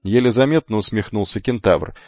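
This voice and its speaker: A man reading a story aloud as an audiobook narrator, in an even storytelling delivery. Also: lowish voice, a little fast, no room sound. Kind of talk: scripted narration. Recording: dull lo-fi with faint music.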